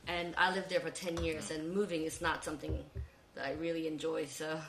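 A woman's voice: deep voice, flat delivery, fairly quick, creaky, slight background noise. A woman in her thirties chatting as a podcast guest, with frequent ums and self-corrections. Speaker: interview guest. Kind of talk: casual conversation. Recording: roomy echo.

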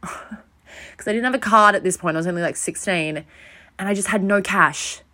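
A young woman hosting a podcast, telling a rambling, self-deprecating story in a casual, animated way. She sounds overtired. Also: mid-range voice, normal speed. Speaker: podcast host.

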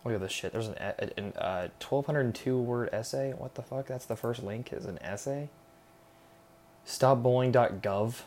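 A young man hosts a solo podcast, delivering a casual, unscripted, rambling monologue full of slang, sarcasm and swearing in an irreverent tone. His mid-range voice moves at a moderate pace with a darkish tone, over a little hiss or hum.

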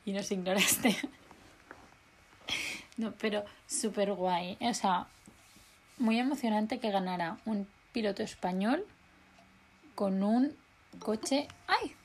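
A young woman, co-hosting a podcast in casual, excitable chat and laughing often. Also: medium pitch, slow, long pauses, husky. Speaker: podcast co-host.

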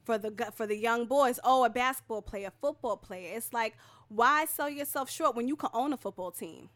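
A woman guest talks about her work with an animated, chatty manner, tagging her points with "you know what I mean." Her voice sits a little high and rings bright and forceful. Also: normal speed. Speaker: guest author. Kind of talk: casual interview talk.

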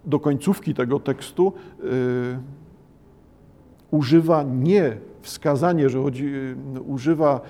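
A man giving a slow, reflective lecture, pausing often and hesitating between phrases. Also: mid-range voice, warm tone. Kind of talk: lecture on Japanese poetry.

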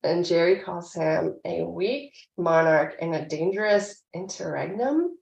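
A woman's voice: fairly low pitch, unhurried, creaky, roomy sound, low-quality recording. A woman co-hosting a podcast, recapping a TV episode in casual, chatty talk. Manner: chatty, animated recapping with frequent laughs. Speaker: podcast co-host.

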